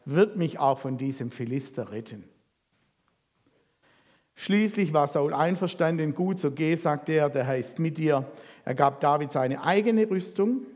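A man preaching, retelling a Bible story and putting lively questions to the congregation. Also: a little high. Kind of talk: sermon reading and retelling scripture. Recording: reverberant hall.

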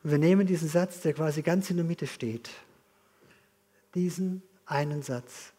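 A man's voice: fairly high pitch, measured pace. A man preaching a sermon and leading his congregation in prayer, earnest and direct. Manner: earnest, leads the congregation in a spoken exercise; softens to a hushed prayer. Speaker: pastor.

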